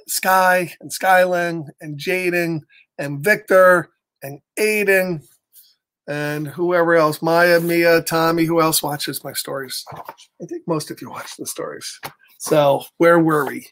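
An American man in his fifties reads a picture book to children in a slow, steady voice that's on the high side and a bit bright. He reads expressively, with playful, chatty asides for his young audience. He's in a small indoor room at home.

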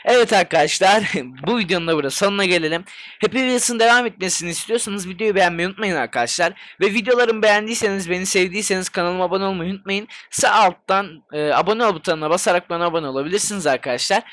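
A man giving excitable, swear-filled commentary while playing a game, hosting his own gaming channel. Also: sits high, fast. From Turkey. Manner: excitable, swears constantly, chatty. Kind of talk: let's play commentary.

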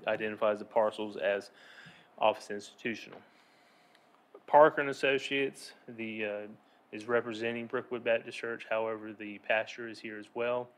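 A man in his thirties delivers a formal staff report at a council-chamber podium, speaking into the podium microphone. His delivery is steady and procedural, with little rise and fall in pitch and the odd filler between points. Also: poor audio. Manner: measured, procedural, with frequent fillers. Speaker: city senior planner.

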